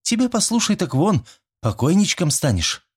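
A man's voice: mid-range voice, lively intonation, normal speed, darkish tone, husky, pitched above the performer's own voice. A man reading an audiobook, voicing a quarrelsome teenage schoolgirl with scornful, snappy retorts in a raised voice. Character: sharp-tongued teenage schoolgirl, quarrelsome and mocking. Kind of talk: audiobook character voice.

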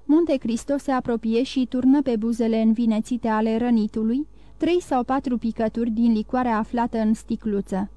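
A woman narrating a classic novel as an audiobook reader, in a steady, even reading. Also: fairly high pitch, dry recording. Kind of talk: scripted narration.

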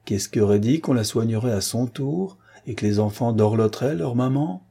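A man's voice: mid-range voice, animated, moderate pace, gravelly, mellow, husky. A man voicing a jovial army captain who gives orders to his wounded soldiers, by turns commanding and affectionate. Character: hearty male army captain, convalescent officer.

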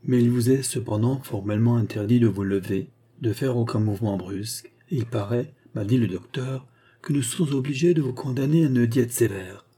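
A soft-spoken, mysterious young woman tending a wounded man, as a male narrator puts her on, low and husky in tone. She speaks tenderly and discreetly, keeping her secrets in a dark, mellow voice. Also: normal speed, natural voice. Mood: gentle.

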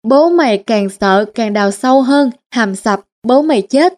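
A woman's voice: on the high side, lively intonation, normal speed, a little mellow, natural voice. A woman voicing a greedy, nagging older mother in a comic tale. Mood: blunt. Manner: nagging, blunt.

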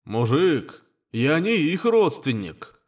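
A man's voice: on the high side, very animated, slow pace, pitched above the performer's own voice, exaggerated voice. A man voicing the coarse, grumbling ghost of a drowned fisherman who lives in a candle. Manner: grumbling, colloquial.

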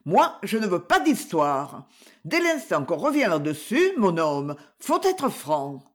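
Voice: mid-range voice, sing-song, unhurried, pitched above the performer's own voice. A reader voicing an uneasy woman shopkeeper, a former maid, who answers questions anxiously in an audiobook. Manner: anxious, pleading.

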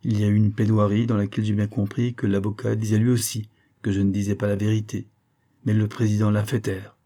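Reading a novel aloud fast, a man with a lowish, warm voice and level tone takes the part of a dying, guilt-stricken woman who once gave false testimony. In this audiobook, she confesses in anguish, pleading and despairingly repeating herself.

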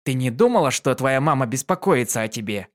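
A man voicing a brash tomboy pegasus mare with a husky voice in an audiobook reading. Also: mid-range voice, lively intonation, brisk, close to an everyday voice. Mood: gruff.

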